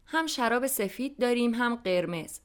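A woman's voice: fairly high pitch, lively intonation, lightly acted. A woman voicing Jamshid, a courteous, hospitable man hosting a dinner, in a scripted language-lesson dialogue. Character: hospitable adult man, the host's husband.

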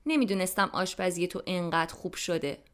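A woman's voice: on the low side, fairly bright tone, close to an everyday voice. A woman voicing Tom, a polite, appreciative male dinner guest, in a scripted language-lesson dialogue. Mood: pleased. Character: friendly adult man, a dinner guest.

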